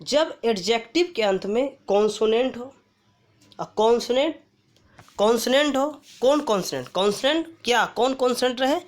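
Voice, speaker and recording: A woman's voice: on the high side, animated, normal speed. A woman teaching English grammar, reading word lists aloud and asking and answering her own questions. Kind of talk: slow classroom-style grammar lesson.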